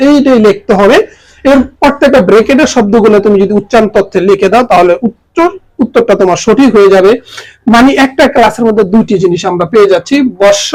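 A teacher giving a grammar lesson to students, saying each example word twice in a slow, careful way. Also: mid-range voice, darkish tone, rough recording.

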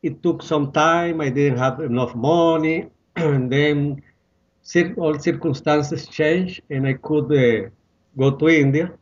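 A man in his sixties speaks English with a Costa Rican Spanish accent, his native tongue still shaping the words. He talks in halting, searching phrases full of pauses and restarts. The sound is slightly muffled and lo-fi. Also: fairly high pitch. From Costa Rica. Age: 60s. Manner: halting, many "uh" fillers and restarts. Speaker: guest. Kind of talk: casual interview, personal story.

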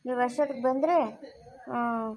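A man's voice: very high-pitched, steady tone, brisk, slight background noise, poor audio. A performer in a family drama playing a male kidnapper who pleads innocence and dodges questions. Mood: evasive. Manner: pleading, evasive, defensive. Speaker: suspect in a family skit. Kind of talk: amateur family drama acting.

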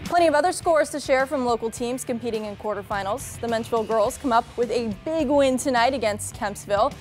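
A young woman sports reporter narrating high school basketball highlights in a punchy, upbeat scripted delivery from a TV news studio. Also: brisk, faint music behind.

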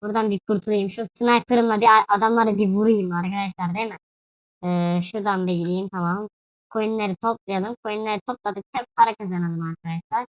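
A woman's voice: mid-range voice, fairly even intonation, brisk, no room sound. A young woman casually commentating her own gameplay, playful and chatty, breaking into shrieks and yelps when startled. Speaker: gaming YouTuber.

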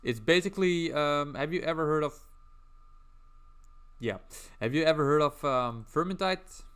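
A man's voice: a little high, normal speed, a bit bright, clear, resonant tone. A man streaming casually as he draws, rambling and chatting while reading out viewer messages. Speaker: livestreamer.

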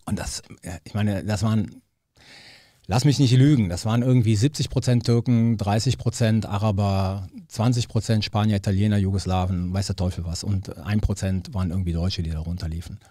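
A man in his fifties from Cologne, a political scientist guest in a studio interview, telling personal stories in a relaxed, animated way and acting out the people he quotes. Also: lowish voice, a little fast, dry recording. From Cologne, Germany. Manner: animated storyteller who acts out quoted voices. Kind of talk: casual storytelling interview.

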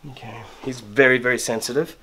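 In a barber shop, a middle-aged barber explains a trim and shave step by step as he works, often restarting and repeating words. His voice is medium-pitched, steady, pushed and bright, and he talks a little fast.

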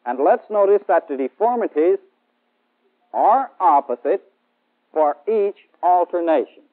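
In a 1960s training film shot on an indoor studio set, a thirtysomething American man delivers a formal, methodical lecture as a military instructor. His voice sits high with lively intonation and a slightly slow pace, and the band-limited vintage soundtrack sounds like a phone line.

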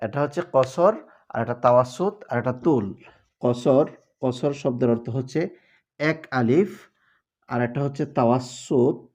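Speaking at a medium pitch with a darkish tone, a man walks viewers through Quran recitation rules on television. His examples come as slowly chanted verses between step-by-step explanations.

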